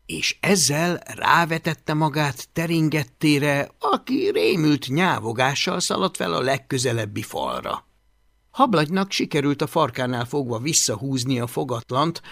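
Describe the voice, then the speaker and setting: A man reads a children's adventure story aloud with expressive, animated narration. His voice is bright and sits a bit high, with wide pitch movement. The recording is close and dry. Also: gravelly, dry recording. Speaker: audiobook narrator.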